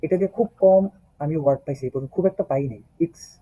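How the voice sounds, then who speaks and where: A man teaching German over a video call, patient and repetitive. His voice is dark and husky, and the call audio sounds dull and lo-fi. He sounds close to a laptop mic. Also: fairly high pitch, very fast, no room sound. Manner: patient, repeats each sound several times. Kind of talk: online class, spelling the alphabet aloud.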